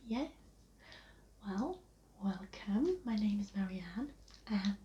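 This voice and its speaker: An ASMR host with an English accent plays a receptionist, speaking softly and breathily, often close to a whisper, in a polite, reassuring, unhurried customer-service manner. Her voice is medium-pitched. The lo-fi recording sounds muffled, with noticeable background hiss.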